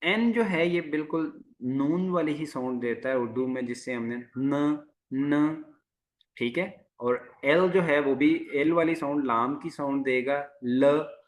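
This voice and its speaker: A male teacher takes his class through the sounds one at a time. He speaks slowly in a fairly high voice and says each sound again and again until it sinks in. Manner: patient, repeats each sound several times. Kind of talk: lecture to a class.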